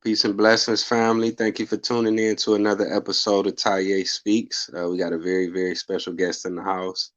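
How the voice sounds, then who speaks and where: A man hosting a podcast interview, laid back and relaxed, with frequent fillers. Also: sits low, a little fast, few pauses, muffled recording. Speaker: podcast host. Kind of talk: casual interview.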